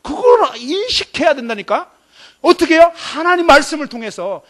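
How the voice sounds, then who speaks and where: A man's voice: very high-pitched, big pitch swings, moderate pace, a bit bright. A man preaching a sermon at a student camp. He fires rhetorical questions at his listeners and acts out scenes vividly.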